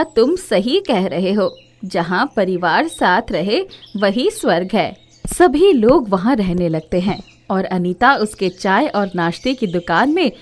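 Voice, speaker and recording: A woman narrating an animated moral story in a scripted, expressive storytelling manner. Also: medium pitch.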